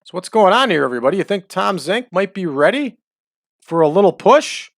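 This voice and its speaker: A man's voice: high voice, big pitch swings, fairly quick, vocal fry, dry recording. Chatty man in his forties, dry mic. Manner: chatty, rambling storyteller. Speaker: let's-play host. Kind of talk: casual commentary over a wrestling management game.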